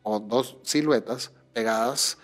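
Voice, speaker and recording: A man tells a personal story on a casual podcast. He speaks in an animated way, restarting phrases and repeating words while he searches for the thread. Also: medium pitch, takes it slowly, soft background music. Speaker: podcast host.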